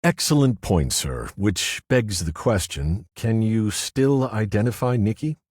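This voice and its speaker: A man voicing a calculating male prosecutor with a deep, well-modulated voice and formal, measured delivery. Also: expressive, a little mellow, no room sound, studio quality. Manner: measured, formal, self-satisfied. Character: smooth, calculating male prosecutor, politician type.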